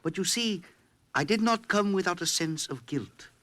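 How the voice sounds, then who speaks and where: An actor playing a grave, principled Indian electronics expert, speaking formally and deliberately in 1950s radio drama style. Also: male voice, sits high, lively intonation, fairly bright tone. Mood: grave, accusing. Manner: formal, measured, accusing.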